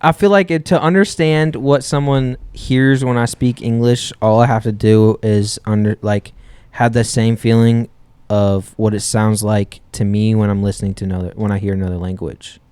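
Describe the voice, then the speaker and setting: A man's voice: fairly low pitch, steady tone, moderate pace, darkish tone, clear, resonant tone, no room sound. A man co-hosting a podcast, arguing his point stubbornly in casual chat and laughing it off. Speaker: podcast co-host.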